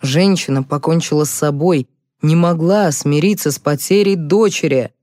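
A woman's voice: low-pitched, normal speed, no echo, studio quality, lightly acted. Woman reading an angry, mocking young man. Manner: sharp, demanding, mocking. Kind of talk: audiobook character reading.

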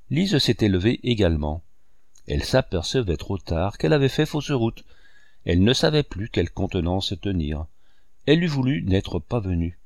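A man narrating a novel in an expressive reading style. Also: lowish voice, dry recording, studio quality. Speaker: audiobook narrator.

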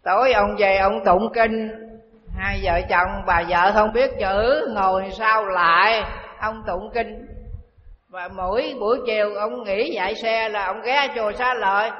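A male Buddhist monk gives a dharma talk, telling a story slowly and repeating phrases. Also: sits high. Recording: dull echoey hall recording with faint hiss.

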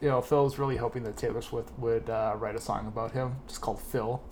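A man's voice: medium pitch, steady tone, a little fast, a little mellow, slight background noise. Joking male podcast host. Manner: joking, reads listener emails aloud. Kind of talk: casual comedic podcast chat.

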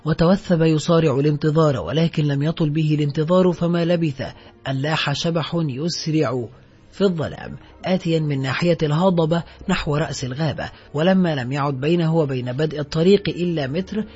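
A man narrating a literary novel as an audiobook in a steady, scripted reading. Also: fairly high pitch, a little fast, breathy edge. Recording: muffled lo-fi recording, faint music.

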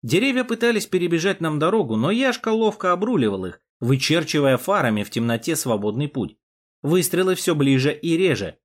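A man narrating a war story in the first person, expressive and dramatic. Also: on the high side, a little fast. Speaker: audiobook narrator.

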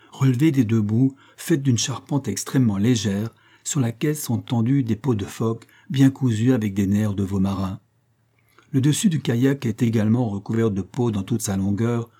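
Brief: male audiobook narrator, measured and dramatic, husky, dark tone. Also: medium pitch. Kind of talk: scripted narration.

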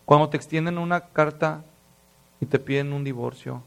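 A man preaching a sermon, telling stories with lively acted voices and dropping to hushed, serious tones. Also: a little high, moderate pace, gravelly, clean tone. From Mexico. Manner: animated storytelling, acts out voices, drops to hushed tones. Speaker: pastor.

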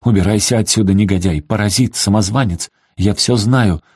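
An enraged middle-aged mother screaming insults and scornful orders, as a male narrator puts her on, her voice pushed higher over his husky, dark tone. Dry close audiobook sound. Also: normal speed, dry recording.

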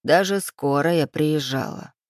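Fussy old granny, slow and sighing, lower than the reader's own voice, as a woman reads her; dry audiobook sound. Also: dry recording. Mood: fussing. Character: fussing elderly village grandmother, doting.

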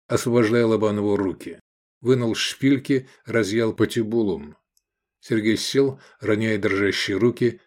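A man narrating an audiobook in a steady, measured reading. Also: on the low side. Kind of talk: scripted narration.

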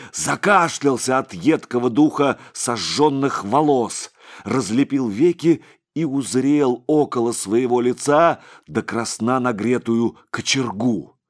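A man narrating an audiobook story in a dramatic, expressive way. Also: mid-range voice.

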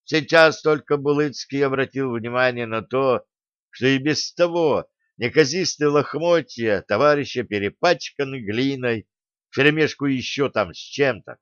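A man reading a story aloud as scripted audiobook narration, measured storytelling. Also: mid-range voice, fairly bright tone, clean tone, no room sound. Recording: dull dry recording.

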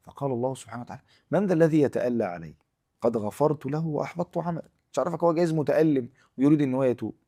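A man with an Egyptian Arabic accent giving a Quran commentary lecture, emphatic and moving from loud stress to near-murmurs. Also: mid-range voice, racing. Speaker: preacher.

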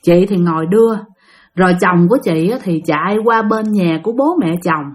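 A woman's voice: lowish voice, moderate pace. A woman telling a spooky real-life story and talking straight to her listeners. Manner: animated, talks straight to listeners.

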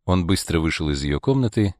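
Deep-voiced male audiobook narrator. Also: sing-song, brisk, a little mellow, no room sound, clean studio sound. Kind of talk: scripted narration.

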